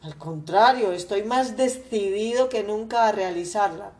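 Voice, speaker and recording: A woman's voice: mid-range voice, unhurried, darkish tone, natural voice. A woman voicing a stubborn young son who answers his father in curt, defiant replies.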